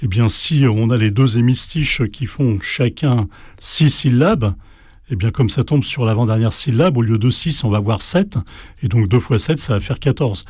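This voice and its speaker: A man's voice: medium pitch, moderate pace, a little mellow, husky, dry recording. A man in an interview explaining translation, often hesitating and restarting with many fillers. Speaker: interview guest.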